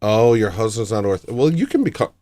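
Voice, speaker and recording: Low-voiced sarcastic livestream host man. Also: very animated, fast talker, warm tone. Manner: sarcastic, rambling and self-deprecating. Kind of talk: casual livestream chat. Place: home streaming setup.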